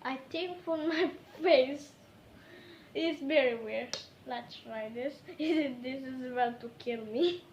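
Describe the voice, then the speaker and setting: Giggly high-voiced woman vlogging. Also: slow pace, a little mellow, echoey room, highs cut off, slight background noise. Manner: giggly, silly, talks to her viewers. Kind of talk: playful vlog chatter.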